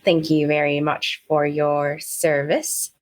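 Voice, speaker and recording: A woman voicing a pushy, flirtatious woman reporter who talks smoothly and forwardly, in a tabletop role-play. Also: low voice, flat delivery, takes it slowly. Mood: scheming.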